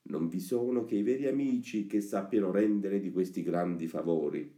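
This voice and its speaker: A man's voice: deep voice, moderate pace, dark tone, close to an everyday voice. A man voicing a scheming boy who boasts insistently and presses his friend to agree. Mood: boastful. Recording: roomy echoey recording.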